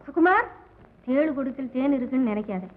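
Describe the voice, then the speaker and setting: Stern mother, admonishing, high voice, muffled old film audio. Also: expressive, brisk. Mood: warning. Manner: admonishing, proverb-laden. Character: stern, wary mother giving warnings. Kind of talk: 1940s film acting. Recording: dull old film soundtrack.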